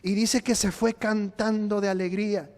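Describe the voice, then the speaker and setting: Here a pastor with a high-pitched voice keeps a level tone and a moderate pace as he preaches. He jokes around and quizzes the people in the pews, all in a playful spirit. The sanctuary's long reverb is clearly audible.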